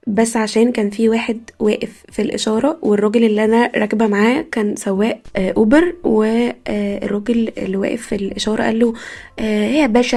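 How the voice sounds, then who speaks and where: A young woman from Egypt with an Egyptian Arabic accent, hosting a podcast as a casual comic monologue, telling stories in an animated way with frequent laughs. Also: mid-range voice, creaky, slightly rough. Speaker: podcast host.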